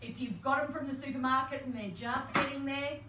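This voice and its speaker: A bubbly woman talks through a recipe in a casual live-stream style, her voice sitting a little high. She is recorded at a distance in an echoey home kitchen, with clear background noise behind her. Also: steady tone, brisk. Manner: chatty, bubbly, laughs often. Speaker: cooking show co-host.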